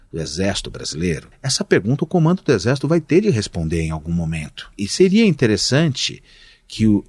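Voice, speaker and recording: A man from Brazil, a guest reporter on a podcast, laying out a measured argument with rhetorical questions. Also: fairly low pitch, slightly rough, no room sound. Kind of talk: podcast interview analysis.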